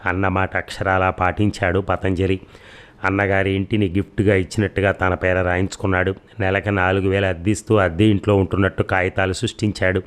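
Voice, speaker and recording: A man narrating a serialized audiobook story in a steady, measured reading. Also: sits low, clean tone.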